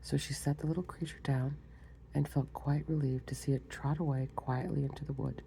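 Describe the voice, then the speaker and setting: Very low-voiced woman, whispered role-play reading. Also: fairly even intonation, vocal fry, a little hiss or hum, rough recording. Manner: soft, close, unhurried ASMR reading with asides. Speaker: ASMR reader.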